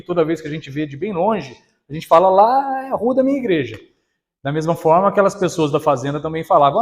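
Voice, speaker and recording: A male preacher with a Brazilian accent delivers a sermon in a church. His voice sits fairly high for a man. He mixes storytelling and prayer with casual, conversational asides to the congregation. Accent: Brazilian Portuguese.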